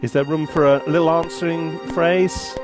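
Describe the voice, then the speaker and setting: In a music software tutorial and review, a composer chats and thinks aloud, poking fun at himself playfully. His voice sits on the high side with a steady tone and moderate pace, and orchestral sample music runs underneath.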